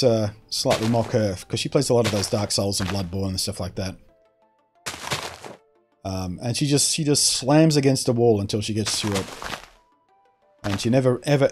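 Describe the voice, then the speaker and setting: A man's voice: mid-range voice, a little mellow. Rambling, opinionated male streamer. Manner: rambling, opinionated, trailing off and restarting. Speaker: streamer answering chat. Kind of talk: casual live-stream chat.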